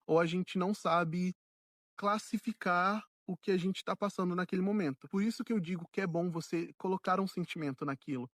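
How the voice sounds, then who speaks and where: A man's voice: high-pitched, dry recording. Earnest young Brazilian man, dry close mic. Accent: Brazilian Portuguese. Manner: earnest, informal, swears freely. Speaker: solo podcaster. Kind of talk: casual heartfelt monologue.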